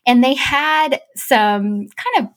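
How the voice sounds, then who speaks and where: A woman guest in an interview, telling a personal story in a warm conversational way, her voice jumping high with excitement when she quotes herself. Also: takes it slowly. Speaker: chief operating officer.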